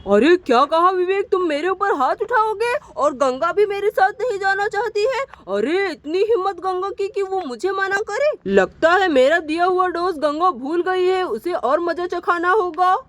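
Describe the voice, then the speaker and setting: A woman's voice: lively intonation, moderate pace, few pauses, a bit bright, no room sound. A woman voicing an abusive, hot-tempered village husband in a doll story, threatening and blustering. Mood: menacing. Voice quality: high-pitched woman's voice.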